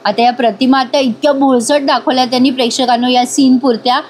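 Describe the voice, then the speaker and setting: Woman, high voice, chatty serial recap narrator, talks to viewers, faint background hiss. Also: steady tone, fast, a little mellow. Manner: chatty, addresses viewers, switches into characters' lines with raised pitch. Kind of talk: voice-over episode recap, acting out dialogue.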